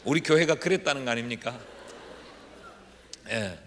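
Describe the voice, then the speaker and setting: A middle-aged male pastor delivers a revival sermon, telling folksy stories and dropping from quiet asides to loud calls to the crowd. His voice carries a long reverb through a large church sanctuary. A faint hum of room noise sits underneath. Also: medium pitch, lively intonation, moderate pace. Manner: folksy storytelling, swings from hushed asides to shouted exhortation.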